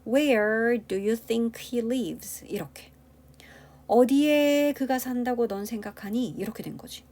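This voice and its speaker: A woman's voice: on the high side, slow, darkish tone. A woman English teacher giving a grammar lecture, explaining step by step and asking the class rhetorical questions.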